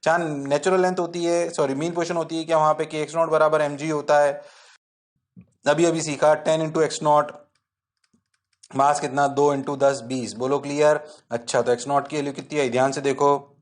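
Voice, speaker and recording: A man teaching physics in a lively, jokey way, constantly checking that the class is following and sometimes answering his own questions in a low student voice. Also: normal speed. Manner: jokey and self-mocking. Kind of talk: online exam-prep lecture.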